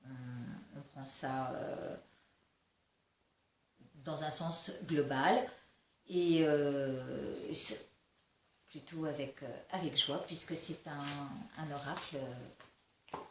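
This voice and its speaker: A woman giving a casual spiritual oracle card reading, slow and halting with many fillers and restarts. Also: low-pitched, steady tone. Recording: echoey room with faint noise.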